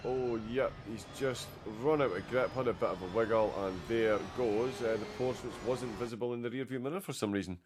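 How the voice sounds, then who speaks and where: A man's voice: mid-range voice, brisk, hardly any pauses, noisy background. Man giving casual sim racing commentary. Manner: chatty, many "uh" fillers, reacts to the action. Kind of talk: live race commentary.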